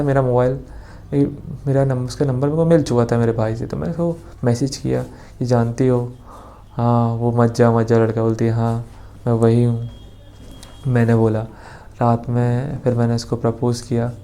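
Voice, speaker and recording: A man's voice: medium pitch, level tone, normal speed, vocal fry, mellow. A young man casually telling a personal story, rambling with restarts and quoting dialogue. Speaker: vlogger.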